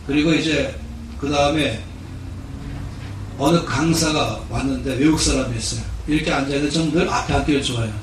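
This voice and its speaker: A man's voice: medium pitch, brisk, recorded from a distance, a little hiss or hum. A man in his sixties, a pastor giving a sermon, telling his story earnestly. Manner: earnest storytelling, acting out quoted speech. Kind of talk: sermon with personal testimony. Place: large church hall. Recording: echoey hall recording from afar.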